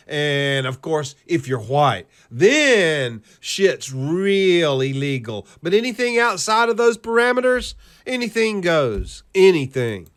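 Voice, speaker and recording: Over a series of clips, a smooth, high-voiced man delivers a current-events rant full of profanity, scorn and sarcasm. When he reads out lists, his cadence stays steady.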